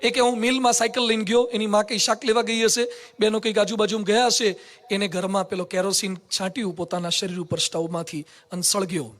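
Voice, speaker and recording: High-voiced, dramatic Gujarati monk preaching. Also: male voice, flat delivery, quick pace. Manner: dramatic storyteller who swings between hushed asides and loud exhortations. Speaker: Swaminarayan monk giving a moral discourse. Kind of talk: sermon with told stories and acted quotes.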